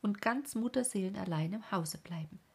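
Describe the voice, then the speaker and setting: Storybook part: a woman as a solemn, motherly village woman, breathy, half whispered. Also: mid-range voice, moderate pace.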